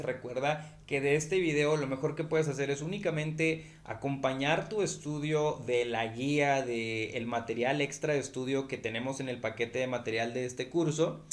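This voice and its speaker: A man who speaks Spanish as his first language, teaching an English pronunciation lesson and slowly repeating the example words. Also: medium pitch, reverberant.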